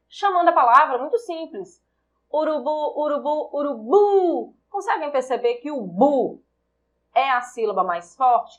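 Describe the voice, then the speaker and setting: A Brazilian woman teaching a recorded Portuguese grammar lesson, speaking deliberately and repeating example words to stress their syllables. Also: a little high, fairly bright tone.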